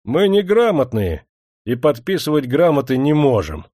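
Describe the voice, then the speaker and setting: A man's voice: mid-range voice, sing-song, normal speed, darkish tone, no room sound, studio quality, pitched above the performer's own voice. A man as a burly defiant factory worker. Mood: firm defiance. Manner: restrained, firm, threatening.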